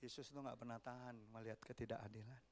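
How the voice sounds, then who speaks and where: A man preaching a sermon as pastor, lively and often asking the congregation questions. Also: mid-range voice, fast. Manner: animated, asks the congregation questions, acts out quoted voices.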